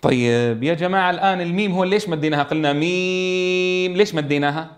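Quick, high-voiced teacher. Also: male voice. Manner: lively, asks students questions and answers them himself. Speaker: Quran recitation teacher. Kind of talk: classroom lesson on tajweed rules.

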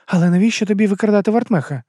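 A man reading an audiobook voices a calm woman researcher who keeps questioning steadily. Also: sits high, very fast, pitched above the performer's own voice. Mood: pressing. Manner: level, persistent questioning. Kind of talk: audiobook character voice.

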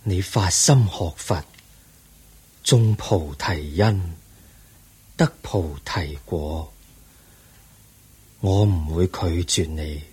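An actor playing a serene, dying old Buddha in a radio drama, solemn and measured, with a weak, breathy voice. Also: male voice, low voice, darkish tone, in a large hall. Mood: gentle, accepting. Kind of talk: Cantonese radio drama acting.

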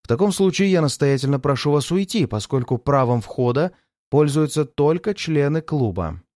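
A man reading aloud, voicing a stiff, formal gentleman of a club who politely insists. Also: a little high, animated, moderate pace, no echo, clean studio sound, natural voice. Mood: stiffly formal.

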